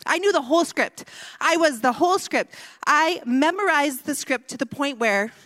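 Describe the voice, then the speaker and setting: A woman speaking at a women's gathering, herself a mother of a son, starts her sermon with a lighthearted childhood tale and then shifts into scripture and prayer. She's animated at a normal speed, her voice high and fairly bright, echoing through the hall.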